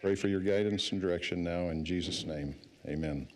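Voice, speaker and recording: Low-voiced councilman leading a prayer. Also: steady tone, a little fast, background noise. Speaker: city councilman. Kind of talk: prayer and pledge at a public meeting.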